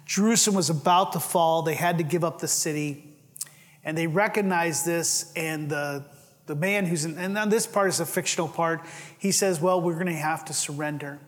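A man's voice: on the high side, moderate pace, big-room sound. A pastor delivering a sermon to his congregation, earnest and emphatic, often restarting his phrases. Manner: earnest preaching with rising emphasis and frequent restarts.

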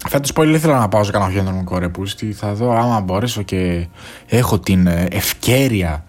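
A young man hosting his own podcast, talking casually and swearing freely, with English phrases mixed in. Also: lowish voice. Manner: slangy and animated, mixing in English phrases and swearing. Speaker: podcast host. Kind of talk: casual solo chat.

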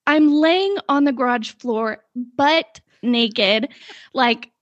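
A woman's voice: on the high side, takes it slowly, no echo. A woman co-hosting a casual chat show, a rambling storyteller who goes off on tangents, recorded with a dull, slightly lo-fi sound. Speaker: podcast co-host.

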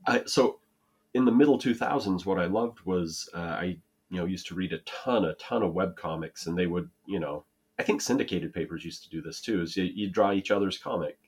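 A low, brisk male voice with a breathy edge belongs to an American podcast co-host. In this casual conversation he rambles, makes self-deprecating remarks, and restarts often.

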